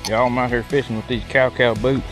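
Man, casual fishing vlogger, folksy and chatty, mid-pitched, recorded outdoors on a camera mic. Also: level tone, fairly quick, fairly bright tone, soft background music. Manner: folksy, chatty, addresses viewers as y'all. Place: outdoors at a pond bank.

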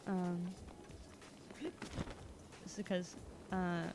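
A woman's voice: fairly low pitch, little pitch movement, extremely slow, noisy background. A woman from Canada chatting casually while streaming a video game, rambling and laughing often. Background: video game music.

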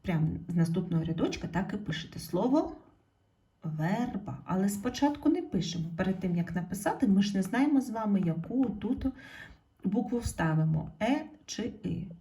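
A woman teaching a primary school spelling lesson. She speaks slowly and clearly, calls out example words loudly and drops almost to a whisper when stating the rule. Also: mid-range voice, lively intonation. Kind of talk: slow, clear classroom explanation.

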